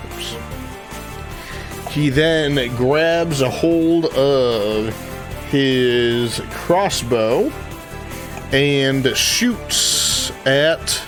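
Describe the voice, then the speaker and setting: A man running a tabletop game as game master, narrating casually in a halting, deliberate way. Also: medium pitch. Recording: music playing behind the voice.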